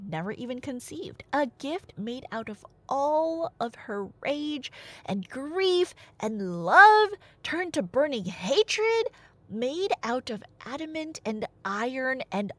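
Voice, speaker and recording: Here the performer's voice is high and a bit bright, with no echo at all. Cast as a chatty, nerdy girlfriend thrilled to retell Greek myths, she narrates casually and teases an unheard listener with playful asides.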